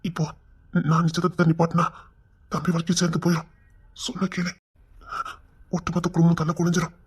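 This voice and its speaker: A man's voice: fairly high pitch, monotone, fairly quick, breathy edge. A man playing a brash young man who challenges the woman he loves, then turns guilty and pleading. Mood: resigned. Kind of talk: screen drama acting.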